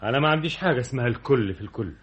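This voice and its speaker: A man's voice: mid-range voice, lively intonation, racing, muffled recording, natural voice. A man playing a boastful, imperious new company director with an Egyptian accent, brusque and self-important, in an old radio comedy-drama. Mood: indignant, bossy.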